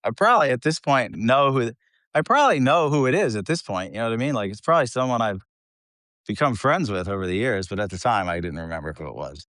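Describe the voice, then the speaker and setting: Quick and animated, his medium-pitched voice comes across a bit bright, with no room sound. This American who sings in a metal band, from eastern Pennsylvania, is an interview guest telling stories in an informal, blunt, sweary, slangy way.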